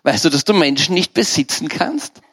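Man, preacher, sermon, direct conversational delivery, slightly high voice. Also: expressive, normal speed, a bit bright, husky. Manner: direct, conversational, addressing listeners as "du".

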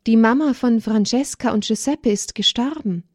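A woman's voice: a little high, normal speed, no room sound, clean studio sound, close to an everyday voice. A woman voicing a sad young village boy in a children's story, in her plain reading voice. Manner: sad, quiet telling.

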